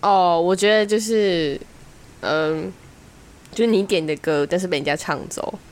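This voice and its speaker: A woman's voice: on the low side, measured pace. A young woman, co-hosting a casual chat in a playful, blunt way and mixing in English phrases.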